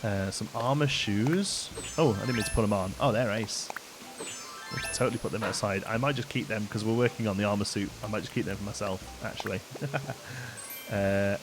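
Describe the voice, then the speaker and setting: During a casual live game stream with music playing, a deep-voiced man chats, thanks his viewers, and reads their gift notes aloud.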